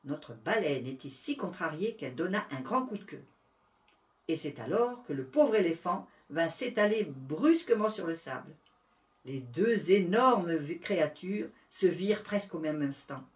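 A woman reading a children's animal fable aloud, animated and expressive. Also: fairly low pitch, unhurried, far from the mic. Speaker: storyteller. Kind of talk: storybook reading.

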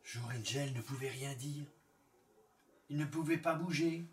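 A male storyteller reading a fairy tale in a calm, measured way with lingering pauses. He speaks slowly. The recording is roomy, and he sits well back from the mic. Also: mid-range voice, slight background noise. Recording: echoey room, far from the mic.

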